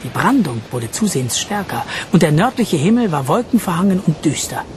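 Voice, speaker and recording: A man reading a story aloud as audiobook narrator in an expressive, steady manner. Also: on the high side, fairly quick, faint music behind. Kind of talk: scripted narration.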